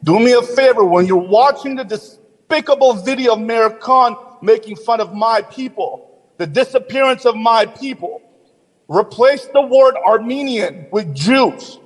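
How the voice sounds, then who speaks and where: An indignant man challenges the council during public comment, firing off pointed rhetorical questions. His voice is high for a man. The chamber's long reverb hangs behind his words. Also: lively intonation, measured pace.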